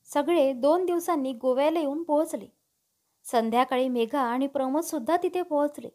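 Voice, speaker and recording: A woman narrating a family story in a steady, expressive reading. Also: high voice, normal speed.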